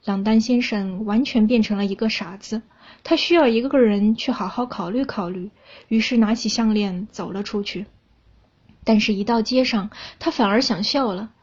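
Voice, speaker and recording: Young woman from china reading a story aloud, calm, bit husky, kinda muffled recording. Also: mid-range voice, normal speed. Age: young adult.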